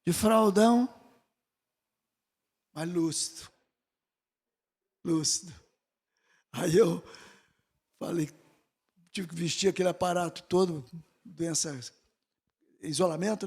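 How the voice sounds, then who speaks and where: A middle-aged Brazilian man preaching a sermon, telling a story with animated swings from hushed to loud and acting out the voices he quotes. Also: high-pitched, long reverb tail.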